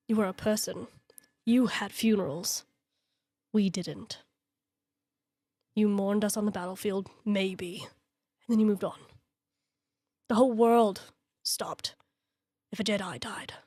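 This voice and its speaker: A woman doing a bitter gravelly clone soldier. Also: a little mellow, no echo. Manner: tries a gravelly low voice, slips into whispers.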